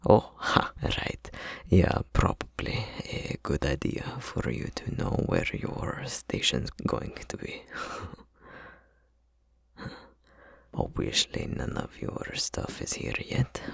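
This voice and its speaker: Playing a chatty tattoo studio employee for ASMR, a man sounds friendly and easygoing, speaking in a breathy, husky, rambling, casual manner. The performance is heavily acted in a low voice, with no echo.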